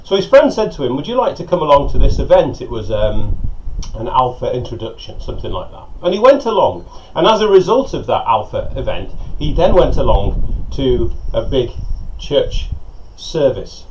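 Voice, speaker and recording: A middle-aged man, a pastor, preaching a sermon and telling stories in an animated way, recorded on a lapel mic outside on a porch. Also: mid-range voice, normal speed, few pauses, a little hiss or hum. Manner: storytelling, animated, gesturing with hands. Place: covered porch outdoors by a lake. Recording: slightly dull sound with faint outdoor ambience.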